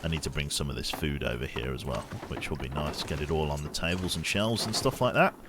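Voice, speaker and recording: Talking quickly in a bass voice, a slightly congested, sniffly man gives chatty commentary while streaming a game, narrating every move under his breath. The audio is very noisy.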